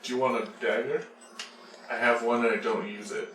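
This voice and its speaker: A man playing a tabletop game in a relaxed, matter-of-fact way. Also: mid-range voice, a little fast. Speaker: player. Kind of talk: casual tabletop play. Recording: roomy, distant mic, loud crowd noise.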